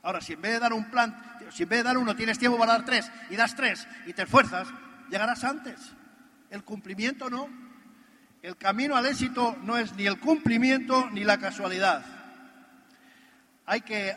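A man with a high, ringing voice delivers a motivational convention speech. He tells stories and presses his points home, talking right at the listener. A long hall reverb trails behind every phrase. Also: bright, forceful tone. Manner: emphatic, addresses the listener directly. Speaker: motivational speaker at a business convention.

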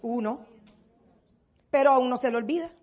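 A woman's voice: high voice, normal speed, a little mellow, a faint crowd. An older woman giving a motivational seminar talk to a business audience. She asks rhetorical questions and then answers them herself.

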